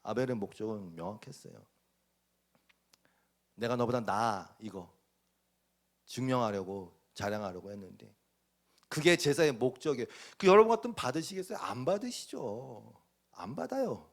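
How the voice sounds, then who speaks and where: A man preaching a sermon as pastor, dramatic, acting out voices and swinging from loud bursts to near whispers. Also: medium pitch, very animated, normal speed, gravelly, pauses often.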